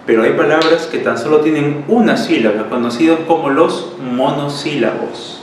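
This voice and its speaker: Teacher in an echoey room. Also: male voice, a little high, normal speed. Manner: explains step by step, checks in with "¿ya?". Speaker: language teacher. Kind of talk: classroom lesson at a board. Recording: echoey room, mic far off, faint hiss.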